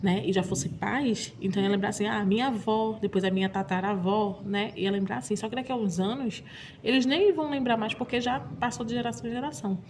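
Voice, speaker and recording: A woman speaking to her vlog audience in a warm, mellow voice. She talks in an emotional, confessional way, circling back over the same phrases again and again. A faint noise sits under her voice. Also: mid-range voice. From Pernambuco, Brazil. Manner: repetitive, often addressing viewers directly. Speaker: vlogger. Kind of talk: emotional personal confession to viewers.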